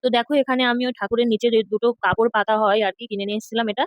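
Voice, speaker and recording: Young mom vlogger, very quick and chatty, speaks right to viewers, dry room. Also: female voice, a little high, steady tone, no room sound. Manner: chatty, talks straight to viewers. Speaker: mother vlogger. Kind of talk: casual home vlog narration. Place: rented home, indoors.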